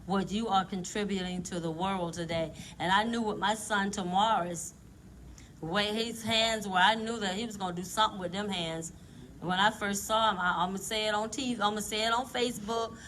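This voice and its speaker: A woman's voice: mid-range voice, a bit bright, a little hiss or hum, rough recording. A woman hosting a talk show, chatting easily with her guests. Her grammar is folksy and informal, and her tone is casual.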